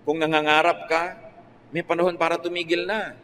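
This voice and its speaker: A man's voice: a little high, normal speed. Filipino man preaching in a reverberant hall. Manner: conversational preaching, mixing Filipino and English with lively rises. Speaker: pastor. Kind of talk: radio sermon. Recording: faint noise, long reverb.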